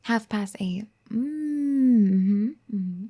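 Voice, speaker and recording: In this audio roleplay aimed at the listener, a woman who performs ASMR plays a young wife, firm yet caring. Her medium-pitched delivery is lively in intonation but extremely slow, with a scolding, sassy mood. The bossy, teasing scolding eventually gives way to soft pleading.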